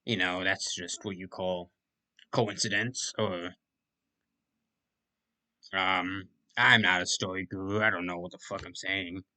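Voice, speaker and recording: A man's voice: low voice, fairly even intonation, unhurried, long pauses, bright, forceful tone, low-quality recording. A man hosting a comedic fanfiction reading, breaking off into crude jokes and talking about himself in the third person. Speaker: channel host reading fanfiction. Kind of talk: comedic dramatic reading with commentary.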